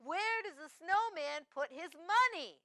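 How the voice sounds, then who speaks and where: A woman putting on a cheerful talking fir tree, a giggly corny jokester on a children's TV puppet show. The voice sits very high and bright. Dry close sound with no room around it. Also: animated, unhurried, no room sound, full character voice. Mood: eager.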